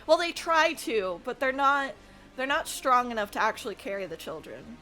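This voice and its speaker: A woman livestreamer chatting casually with her viewers in a playful, excitable gamer-girl manner. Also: a little high, moderate pace, faint music behind, low-quality recording. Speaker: livestreamer, host.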